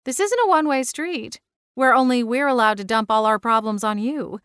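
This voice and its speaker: Gentle girlish ghost friend, played by a female narrator, audiobook, dry recording. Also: fairly high pitch, normal speed, clear, resonant tone, dry recording, natural voice. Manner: gentle, sighing, exclaiming. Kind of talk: audiobook character voice.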